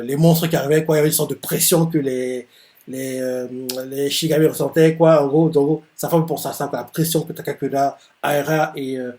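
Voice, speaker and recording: Casting: male reaction host, rambling casual explainer, voice a bit high, lots of fillers. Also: dark tone. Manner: rambling, full of filler words. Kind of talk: casual manga reaction commentary.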